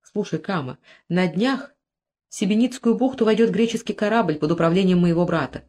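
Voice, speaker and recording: A reader voicing a young Greek man who is jealous and furious, shouting threats in an audiobook. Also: medium pitch, fairly quick, natural voice. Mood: urgent. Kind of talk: audiobook character voice.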